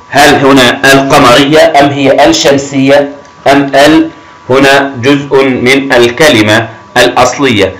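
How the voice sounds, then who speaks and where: A man teaching a grammar lesson to young children, encouraging and often praising them, stretching words slowly as he reads them aloud. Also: medium pitch, a bit bright, a little hiss or hum, poor audio. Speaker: primary school teacher.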